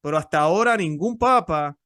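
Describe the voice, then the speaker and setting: A man's voice: a little high, lively intonation, a little fast, fairly bright tone, clean tone, dry recording, studio quality. A man explaining church history in a teaching talk, often repeating and restarting words.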